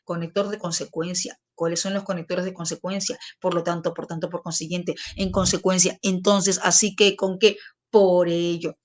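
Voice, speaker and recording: A woman's voice: fairly low pitch, flat delivery, moderate pace. A middle-aged woman teacher giving a classroom lesson, repeating key terms and putting questions to her students.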